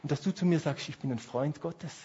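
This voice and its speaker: Guy preaching, husky kinda high voice, goes quiet then loud, dull lo-fi sound. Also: a little fast. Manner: passionate, swings between hushed and emphatic. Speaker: pastor. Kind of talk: sermon.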